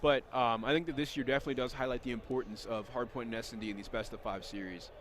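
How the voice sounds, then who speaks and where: A man calls a competitive shooter match live, his words tumbling out fast and eager. His voice sits at an ordinary middle pitch, and a faint hum of noise lies under it. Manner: fast, energetic play-by-play with self-corrections. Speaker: esports commentator. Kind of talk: live esports commentary.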